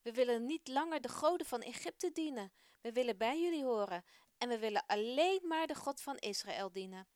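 Cheerful storybook boy, friendly and bright, read by a woman. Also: a little high, lively intonation, moderate pace, no room sound, studio quality, lightly acted. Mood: happy. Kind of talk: storybook narration.

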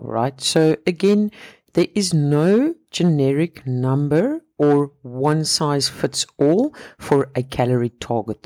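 A man's voice: medium pitch, darkish tone, no echo, studio quality. A man hosting a solo podcast as a fat loss coach, talking in a blunt, casual, sarcastic way and swearing freely.

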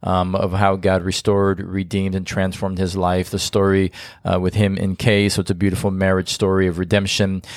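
Deep-voiced man co-hosting a podcast. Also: completely flat delivery, moderate pace, few pauses, dry recording, clean studio sound. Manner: rambling, many fillers, laughs easily. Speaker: podcast co-host. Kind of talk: casual chat.

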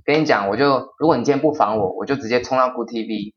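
A man's voice: medium pitch, natural voice. A man imitating an irate, boastful elderly man who scolds and lectures. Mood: scolding. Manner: grumbling, lecturing, slow and indignant. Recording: slightly dull lo-fi sound.

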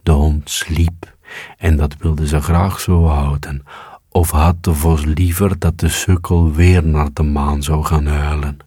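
A man calmly reading a storybook aloud as narrator. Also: rumbling low, breathy edge, no echo, studio quality. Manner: calm, unhurried reading.

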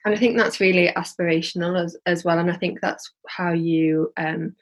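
A social enterprise founder from Yorkshire, England, with a Yorkshire accent, talks through her plans as a guest in a casual interview chat. Her voice is on the low side, steady in tone and at normal speed. She rambles and restarts as she thinks aloud.

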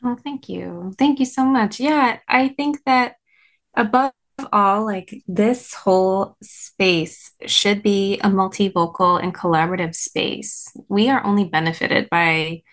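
A woman's voice: medium pitch, a little slow. A woman guest in an interview, explaining ideas earnestly with many "like" fillers. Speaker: guest, course creator in parent health. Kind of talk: conversational interview.

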